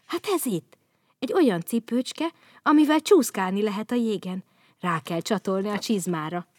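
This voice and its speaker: A woman's voice: mid-range voice, lively intonation, no room sound, studio quality, natural voice. A woman voicing a graceful young snow beetle girl in a storybook, friendly and explaining.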